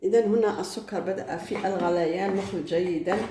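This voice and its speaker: A woman hosting a home cooking tutorial, slowly repeating each step of the recipe. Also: medium pitch, fairly even intonation, dark tone. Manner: slow, repetitive step-by-step instructions. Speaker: cooking channel host. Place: home kitchen. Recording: echoey kitchen, background noise. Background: pots and utensils clattering.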